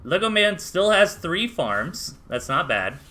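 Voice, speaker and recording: A man's voice: sits high, very animated, takes it slowly, sharp tone, faint music behind. A man with a Southern US accent casting a strategy game match live, chatty play-by-play with casual asides. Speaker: esports caster.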